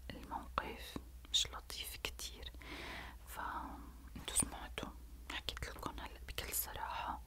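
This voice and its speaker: Whispering woman with a Levantine Arabic accent. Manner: deliberately indistinct, murmured whispering. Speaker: ASMR creator telling a personal story to viewers. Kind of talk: ASMR whispered storytelling.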